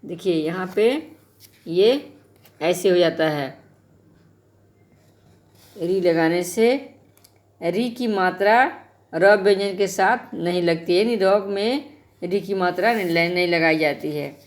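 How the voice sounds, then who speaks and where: A woman's voice: fairly low pitch, slow, long pauses. A woman teaching a grammar lesson to schoolchildren, explaining patiently and speaking to the children directly.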